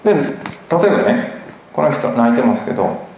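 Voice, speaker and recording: Animated man lecturing in an echoey hall. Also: medium pitch, brisk, vocal fry. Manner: animated, emphatic, often tags phrases with "ne". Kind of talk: public lecture with slides. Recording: echoey hall, dull lo-fi recording.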